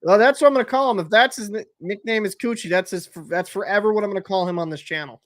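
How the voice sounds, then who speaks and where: Young male streamer, slightly high voice, casual rambling chat and play-by-play. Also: quick pace, fairly bright tone. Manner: chatty, joking, answers live chat, loose and rambling. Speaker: livestream host. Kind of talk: casual watch-party chat and commentary.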